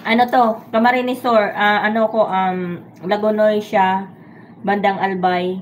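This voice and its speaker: A woman joining a casual home live stream as co-host, trading quick remarks. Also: mid-range voice, steady tone, slight background noise.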